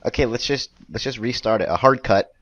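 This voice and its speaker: A young man co-hosting a casual podcast, teasing his friends with quick wisecracks. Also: medium pitch, a bit bright, no echo, muffled recording. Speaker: podcast co-host. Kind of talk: casual chat.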